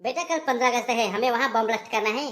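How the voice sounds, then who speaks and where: A woman's voice: a little high, racing, fairly bright tone, natural voice. A woman doing a bossy 60-year-old schemer uncle. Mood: scheming. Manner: bossy, lecturing. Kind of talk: cartoon comedy voicing.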